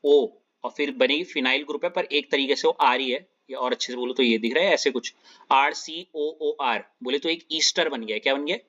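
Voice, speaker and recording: तेज़ और चमकीली आवाज़ वाला रसायन शिक्षक, धीमी दबी recording. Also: male voice, mid-range voice, brisk, a bit bright, lo-fi sound. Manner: explains step by step, checks students often. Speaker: chemistry teacher. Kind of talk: online class lecture.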